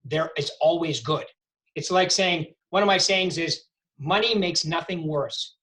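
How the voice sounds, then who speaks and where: A man's voice: a little high, a little slow, fairly bright tone. A middle-aged man coaching a real estate team over a video call, punchy and repeating his points for emphasis. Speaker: sales coach.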